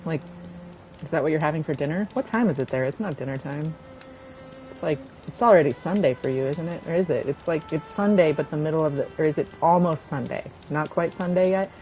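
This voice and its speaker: A woman streaming a game from her home setup, chatting in a rambling way and thinking out loud into a desk microphone. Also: low voice, a little fast, faint music behind, low-quality recording. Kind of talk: casual chat while gaming.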